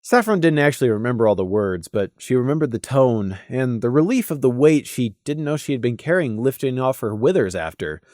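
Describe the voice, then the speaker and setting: Here an audiobook narrator tells a fictional story from a script, dramatically and expressively. The voice sits mid-pitch with a very animated melody and intentional pauses, and the sound is dry, without echo.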